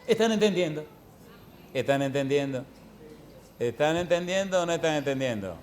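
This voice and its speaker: A male pastor preaching a sermon. He fires repeated rhetorical questions at his congregation, and he reads scripture slowly while stressing each phrase. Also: fairly high pitch, animated, darkish tone. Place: church service with a congregation answering.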